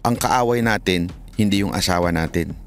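A man's voice: low-pitched, normal speed, soft background music. A man giving heated commentary in his vlog, preaching and pleading with his listeners and quoting scripture in English.

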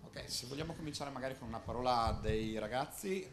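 A man with a medium-pitched voice moderates a press conference in a formal way, with faint room noise behind him. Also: brisk. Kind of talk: formal introductions.

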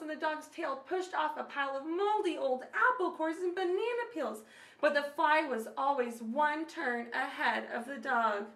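A woman in her thirties, a children's storyteller, reads a picture book aloud expressively, adding little questions and asides for the kids. Her voice is high and sharp, recorded in a small, slightly echoey room at home.

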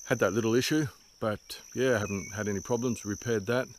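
A man's voice: on the low side, steady tone, brisk. An older man with a broad Kiwi accent talks in a laid-back, dry, sweary way, as if chatting to mates on a solo cycling vlog. He is recorded outdoors, with some background noise and insects around him. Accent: broad New Zealand. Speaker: solo bicycle touring vlogger. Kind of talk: casual rambling vlog. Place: outdoors in open bushland.

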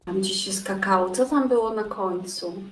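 A woman's voice: medium pitch, moderate pace, recorded from a distance. A woman co-hosting a game let's play, talking in casual chat and thinking aloud with hesitations, with a stuffy nose. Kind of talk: casual chat while playing. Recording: echoey room, off-mic, faint hiss.

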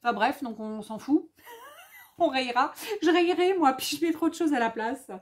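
A woman chatting casually at home as she shows scrapbooking products. She thinks aloud, repeats her words and reads English labels slowly. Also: sits high, lively intonation. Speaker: scrapbooking vlogger. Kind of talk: casual haul chat, showing products.

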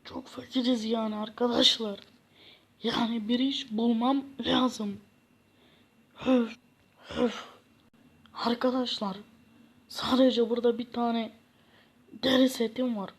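A gloomy poor man who sighs and moans about his lot, voiced by a woman, talking slowly in a husky, fairly high voice. He drags his words out in a whiny drone. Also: steady tone. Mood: gloomy complaining.

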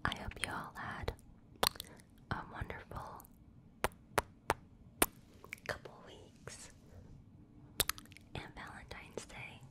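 A young adult woman doing ASMR, whispering softly very close to the microphone, with kissing noises between phrases. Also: slow pace, long pauses. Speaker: ASMR host. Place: small indoor room at home. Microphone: two studio microphones, very close.

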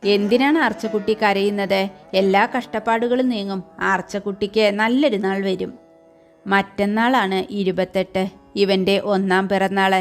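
A woman's voice: mid-range voice, steady tone, moderate pace, faint music behind, close to an everyday voice. A woman voicing a humble, kindly village washerwoman who speaks in a comforting, deferential way in a storybook reading.

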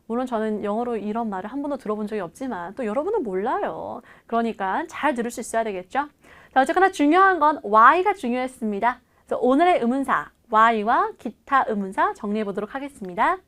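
A woman teaching a language lesson in a lively, coaxing way, repeating phrases for learners to follow. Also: on the high side, a little fast. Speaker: English teacher. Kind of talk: video lesson.

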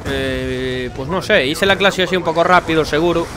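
A man's voice: a little high, normal speed. Swearing young man from Spain, gaming. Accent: Spain Spanish. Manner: frustrated, sarcastic, swears a lot. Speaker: gaming channel host. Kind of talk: live gameplay commentary. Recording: game noise and gunfire behind.

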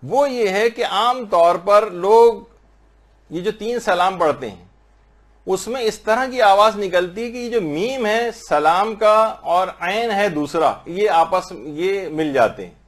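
A man teaching a lesson on correct prayer recitation, slowly sounding out Arabic phrases to show how each letter should be pronounced. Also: sits high. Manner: slow, drawn-out recitation of Arabic phrases to demonstrate pronunciation. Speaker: religious teacher.

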